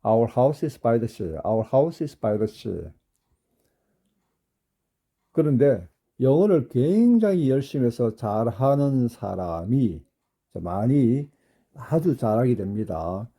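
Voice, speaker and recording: Guy teaching english grammar, super slow, says phrases over word by word, really deep mellow tone. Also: sing-song. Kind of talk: grammar lesson.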